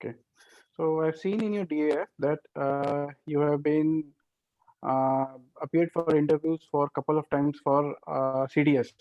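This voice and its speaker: A man's voice: fairly high pitch, steady tone, normal speed, darkish tone, dry recording. A man asking formal questions as an interview panelist. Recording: dull, dry lo-fi audio.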